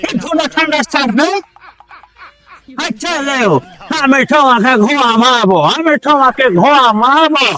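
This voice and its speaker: Comedy sketch foreigner, acted by a man: bright high voice, clumsy broken English, cheerful. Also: moderate pace. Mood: friendly, insistent. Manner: broken English mixed with simple repeated Bengali. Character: cheerful foreign male visitor clumsily learning Bengali.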